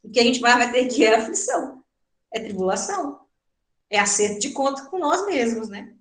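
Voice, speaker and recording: A middle-aged Brazilian woman gives a spiritist lecture in a fairly high voice. She talks in a conversational way, with rhetorical questions for the audience. The sound has the roomy echo of a lecture hall. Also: big pitch swings, normal speed. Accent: Brazilian Portuguese. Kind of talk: doctrinal lecture.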